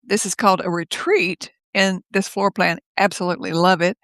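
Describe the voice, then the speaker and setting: An older woman speaking as a guest over a video call from her home office, telling stories in a lively way, laughing often and acting out the voices of others. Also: fairly low pitch, moderate pace, no room sound. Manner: lively, laughs often, acts out quoted speech. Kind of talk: casual conversational storytelling.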